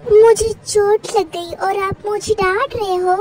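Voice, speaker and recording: A woman's voice: extremely high pitch, fairly even intonation, slow, noisy background, pitched above the performer's own voice. A woman voicing a cute 17-year-old schoolboy who whines and pleads. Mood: whiny. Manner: whiny and pleading. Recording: music playing under the voice.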